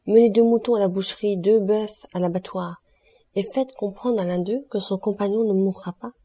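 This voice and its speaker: A woman's voice: medium pitch, steady tone, moderate pace, warm tone, slightly rough, lightly acted. A woman reading the part of a cold, ironic aristocratic count in an audiobook. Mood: declaiming. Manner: cool, ironic, declaiming.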